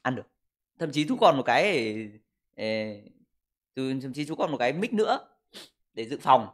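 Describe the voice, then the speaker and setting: A man's voice: mid-range voice, very animated, normal speed. A man, livestreaming from a room at home and joking crudely as he reads viewer comments into a desk mic. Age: 20s. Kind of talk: casual livestream chat. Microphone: desk microphone.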